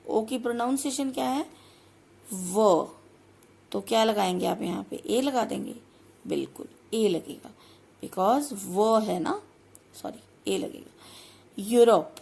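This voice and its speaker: A woman teaching grammar, explaining step by step and slowing down carefully whenever she reads phrases. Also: mid-range voice, vocal fry, a little mellow, husky. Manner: explains step by step, slows down sharply for English phrases. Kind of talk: classroom-style lesson.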